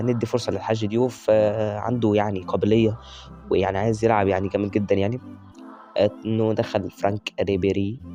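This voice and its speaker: Egyptian man, rapid-fire game commentary, cheers on his players, warm mellow tone, faint music underneath. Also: on the low side. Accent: Egyptian Arabic. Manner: excitable, chatty, cheers on players by nickname. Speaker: gaming YouTuber. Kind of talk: live gameplay commentary.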